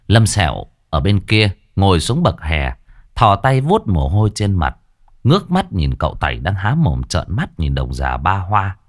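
A man telling a comic story in lively, earthy slang. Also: low voice, normal speed, no echo, studio quality.

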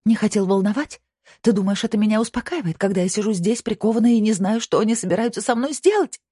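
A narrator putting on a shrill, scolding angry wife. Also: female voice, quick pace, darkish tone, breathy edge, no room sound, clean studio sound, lightly acted.

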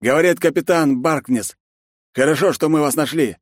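A man voicing a raspy-voiced male navy captain who speaks in formal radio protocol. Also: on the high side, normal speed, no room sound, studio quality, pitched above the performer's own voice, natural voice.

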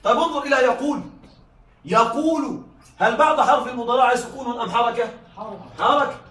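A man's voice: extremely high pitch, brisk, fairly bright tone. A male teacher giving a classroom lecture, explaining step by step and often checking that his students follow. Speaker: teacher of Arabic rhetoric. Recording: echoey room, voice from far off.

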